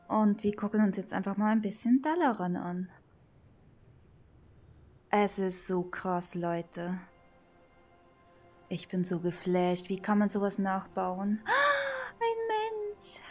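A woman, vlogging her VR tour in excited, gushing commentary to her viewers. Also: medium pitch. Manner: gushing, exclaiming, talking to viewers. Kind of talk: excited casual vlog commentary. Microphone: VR headset mic.

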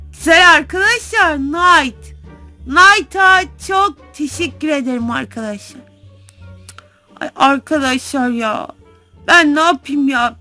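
A woman with a very high, bright voice gushing over a game as she plays, full of excited exclamations. She talks in an unhurried way and speaks to her viewers like close friends. Faint music plays underneath. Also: dry recording. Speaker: gaming channel host. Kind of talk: casual gameplay commentary.

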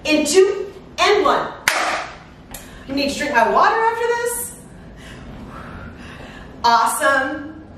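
A woman's voice: high-pitched, takes it slowly, pauses often. Super echoey room, lady aerobics instructor calling moves and counts, upbeat, encouraging, real swoopy voice. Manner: energetic, encouraging aerobics instructor, exerting while exercising. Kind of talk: upbeat workout coaching with called cues and countdowns. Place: living room at home, indoors. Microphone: far camera. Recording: echoey room, far microphone, faint noise.

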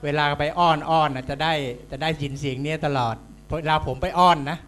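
A playful man co-hosts a party game, teasing the guests as he chats. His voice sits a little high. A faint mains hum hangs in the background. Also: steady tone, brisk, fairly bright tone. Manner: teasing, joking. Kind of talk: playful event banter.

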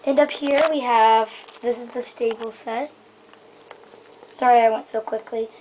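A young female vlogger gives a rambling, casual show-and-tell tour of her toy horse stable, filmed indoors on a bedroom floor with a handheld camera mic. Her fairly high voice is steady, unhurried, and somewhat dark, full of "um" and "so yeah." The low-quality recording has slight background noise.

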